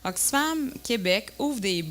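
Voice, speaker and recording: A woman's voice: fairly high pitch, animated, slow pace, a bit bright. A woman in her forties with a Lac-Saint-Jean Quebec French accent, telling stories to a conference audience and laughing often as she acts out voices. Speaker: entrepreneur giving a talk. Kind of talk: animated storytelling on stage. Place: conference stage before an audience. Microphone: stage microphone.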